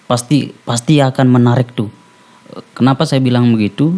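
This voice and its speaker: A man, a rapper guest in a casual podcast chat, talking haltingly and restarting as he searches for words. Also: medium pitch, fairly even intonation, warm tone.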